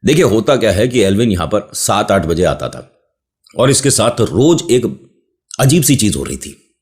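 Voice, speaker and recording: A man's voice: fairly low pitch, very animated, moderate pace, a little mellow. A man casually telling a horror story, breaking off often to joke with his listeners. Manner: chatty, joking asides to listeners, playful digressions. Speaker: storyteller host.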